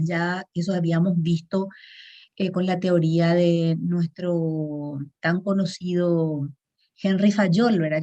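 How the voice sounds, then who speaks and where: A woman's voice: lowish voice, mellow, muffled recording. A woman teaching an online management class, explaining patiently and checking in with frequent tag questions.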